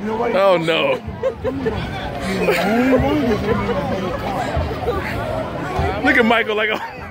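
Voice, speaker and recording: A man vlogging a night out with excited, slangy casual chat, hyping up friends. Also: high-pitched, moderate pace. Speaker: vlogger behind the camera. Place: outdoors at night on street and rooftop bar. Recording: loud outdoor nightlife crowd and traffic.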